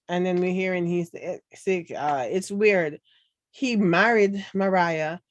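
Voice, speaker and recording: A woman's voice: on the low side, no room sound. A woman with a Jamaican accent giving casual live-stream commentary, chatty and opinionated, laughing often as she answers viewers' comments. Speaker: commentary vlogger reading live chat.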